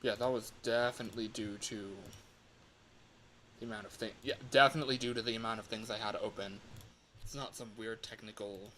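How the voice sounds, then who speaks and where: With a fairly low pitch and a fairly bright, steady tone, a game developer speaks briskly while hosting a livestream. He casually demonstrates the game he is building, thinking aloud and repeating himself, as clicking sounds through clear background noise.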